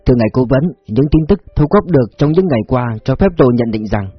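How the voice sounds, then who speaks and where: A man reading a story, voicing a formal lieutenant colonel giving a report; husky voice. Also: medium pitch, lively intonation, quick pace, no echo, lo-fi sound, soft background music.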